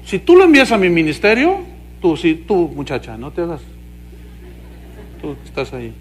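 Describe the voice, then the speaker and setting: A man's voice: fairly high pitch, wildly swooping pitch, normal speed, slightly rough, full character voice. A man voicing a pushy, greedy male TV preacher with a Mexican Spanish accent, wheedling and singling out listeners.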